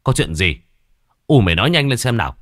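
A man's voice: low-pitched, unhurried, pushed and bright, husky, dry recording, studio quality, full character voice. A man voicing a startled, anxious village husband who presses urgent questions, in a told ghost story. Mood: alarmed urgent.

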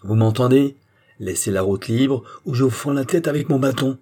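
A man's voice: medium pitch, moderate pace, warm tone, voice pushed up, lightly acted. A man voicing a rich, arrogant mill owner who blusters and threatens. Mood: blustering threat.

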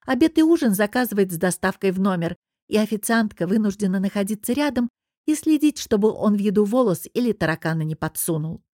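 A woman's voice: mid-range voice, animated, brisk, darkish tone, no echo, studio quality, close to an everyday voice. A woman reading a story, voicing a young female hotel administrator who complains wearily about a guest. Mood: complaining. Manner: complaining, weary.

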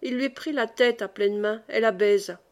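A woman reading a classic novel aloud as an audiobook, with a measured storytelling delivery. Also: fairly high pitch. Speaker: audiobook reader.

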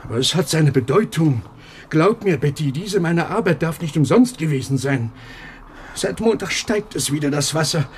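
A man plays a brooding old collector in a radio drama, his voice sitting a little high and swinging widely between murmured musing and sudden outbursts. He is an older man who clings to his life's work and loses his temper easily. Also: animated, moderate pace, slight background noise, lightly acted. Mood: reflective. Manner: swings from quiet brooding to shouting. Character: aging male inkwell collector, brooding, bursts into outrage. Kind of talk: radio play acting.

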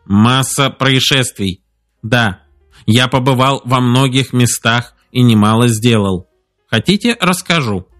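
Man doing a slow, earnest storytelling robot. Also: medium pitch, a bit bright, faint music behind, natural voice. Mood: eager.

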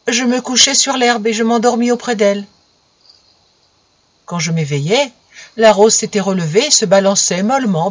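A woman reading a fairy tale aloud in an expressive, dramatic storybook style, in a dull lo-fi recording. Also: medium pitch, no room sound.

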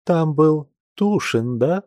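A man's voice: fairly high pitch, expressive, takes it slowly, darkish tone, no room sound, clean studio sound, pitched above the performer's own voice. A man reading an audiobook, voicing a prying, coquettish society lady who coaxes and insists, eager for gossip. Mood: coaxing, prying.

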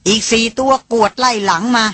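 A woman's voice: a little high, a little fast, bright, forceful tone, dry recording. A woman voicing a headstrong young woman who scolds and speaks with sarcasm in an audiobook. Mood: explaining. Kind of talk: audiobook character reading.

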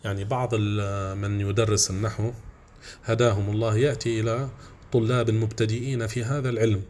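A man giving a grammar lesson, repeating simple examples patiently with frequent drawn-out fillers. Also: medium pitch, darkish tone, a little hiss or hum. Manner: repeats examples slowly, with many "aah" fillers. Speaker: grammar teacher.

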